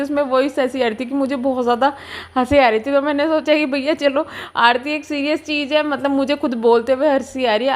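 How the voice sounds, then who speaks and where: A young woman with a high, light voice narrates an everyday vlog from her home. She's chatty and unhurried, confiding in her viewers as though talking to a close friend.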